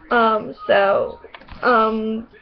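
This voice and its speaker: A young woman with a New York accent, rambling excitedly and swearing casually in a casual vlog. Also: fairly high pitch, gravelly, muffled recording, a little hiss or hum. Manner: chatty, excitable, swears casually, laughs often. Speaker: vlogger.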